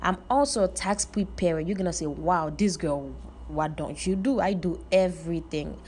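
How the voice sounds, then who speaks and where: A woman's voice: fairly low pitch, moderate pace, darkish tone. A woman in her twenties hosting her own podcast, talking casually and chattily in loose grammar and repeating herself. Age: 20s. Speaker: podcast host. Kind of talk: casual solo monologue. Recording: noisy background.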